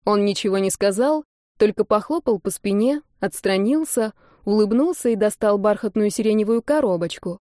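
Brief: female audiobook narrator, warm mellow tone, dry close sound, expressive. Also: medium pitch, normal speed, no room sound. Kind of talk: first-person audiobook narration.

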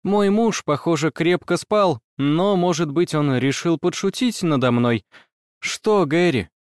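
A man narrating a first-person story in a measured, even reading. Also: on the high side, smooth, dry recording, studio quality.

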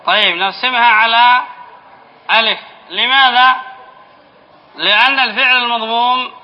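A male teacher giving a classroom lesson on spelling rules, repeating key phrases, asking the class questions and then answering them, and dictating example words slowly. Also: very high-pitched, steady tone. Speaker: Islamic studies teacher. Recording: dull lo-fi lesson recording with faint hiss.

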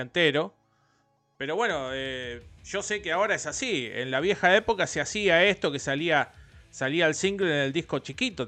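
A man's voice: a little high, fairly bright tone. A man in his forties with an Argentine accent, hosting a casual radio interview in a chatty, rambling, opinionated way. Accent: Argentine Rioplatense. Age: 40s. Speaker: radio host.

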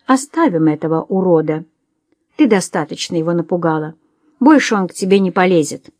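Woman doing a cynical smooth-talking swindler man. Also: fairly low pitch, lively intonation, a little fast, darkish tone, no room sound, clean studio sound. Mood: coaxing. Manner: drawling, coaxing, amused. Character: cool cynical male swindler, smooth talker.

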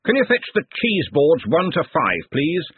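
A bluff, hearty old head wizard, as a male reader puts him on, raised in pitch and lively in tone. He sounds husky, and the dry, narrow sound is like a phone line. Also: unhurried, no echo, exaggerated voice.

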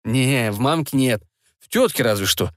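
A man voicing a naive fifteen-year-old prince in a storybook, sulky and drawling. The voice sits a little above the reader's own, with lively swings in pitch, recorded dry and close. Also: normal speed, dry recording, natural voice. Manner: whiny, drawling.

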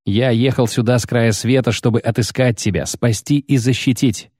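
A man voicing a calm, steadfast young knight who speaks softly and evenly. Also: medium pitch, husky, no echo, studio quality, close to an everyday voice. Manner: calm, measured.

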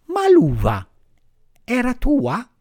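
Guy doing a little firefly lady, high and slow, kind but preachy. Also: wildly swooping pitch, a little mellow, full character voice. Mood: pitying. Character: kind little female firefly, gentle and scolding.

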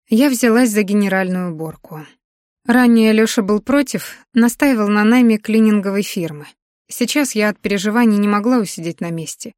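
A woman narrating a novel in the first person with a measured, expressive reading. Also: medium pitch, no room sound, clean studio sound. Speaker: audiobook narrator.

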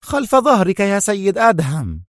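A cruel female spy with a high, sharp and tense voice, snapping her lines, as a man puts her on for a storybook reading. Close, dry sound. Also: animated, brisk, no room sound.

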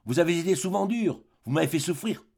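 A man voicing a sad, weary young exiled sculptor who speaks softly and plaintively. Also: on the high side, animated, quick pace, gravelly, slightly rough, voice pushed up, heavily acted. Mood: melancholy. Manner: melancholy, soft, plaintive.

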